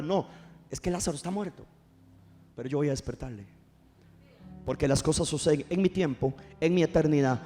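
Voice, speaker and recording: A man's voice: high voice, darkish tone. A man preaching a passionate sermon, firing rhetorical questions at his congregation. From Costa Rica. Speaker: pastor. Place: church service.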